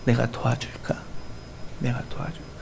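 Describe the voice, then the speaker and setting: A male pastor voicing God, speaking softly and reassuringly to believers. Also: normal speed, lightly acted. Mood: gentle, hushed. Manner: soft, hushed, reassuring.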